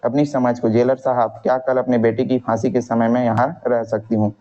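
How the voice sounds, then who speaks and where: A proud, grieving mother of a condemned young man, read aloud by a male teacher. The voice is mellow and the lines come plainly, straight from the book. The recording sounds dull and lo-fi. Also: mid-range voice, flat delivery, normal speed, natural voice.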